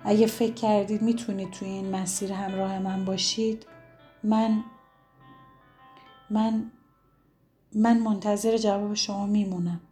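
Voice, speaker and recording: A woman voicing an earnest young man in an audiobook who speaks haltingly and stammers. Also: mid-range voice, flat delivery, warm tone, faint music behind, natural voice. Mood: hesitant.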